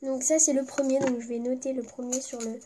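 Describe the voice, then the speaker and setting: A woman with a stuffy, congested voice from a cold chats casually to her viewers. Her voice sits high, and she rambles from one thought to the next, padding her sentences with fillers. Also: flat delivery, a little fast, warm tone, a little hiss or hum. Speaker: vlogger. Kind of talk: casual vlog chat.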